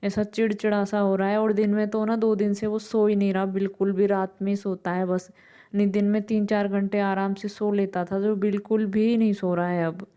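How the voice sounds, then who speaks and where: Tired mom vlogger, even and mellow, rambles through chores in a home kitchen. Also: female voice, medium pitch, moderate pace, clean tone. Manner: rambling, talks on while doing chores. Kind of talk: casual chatty home vlog narration.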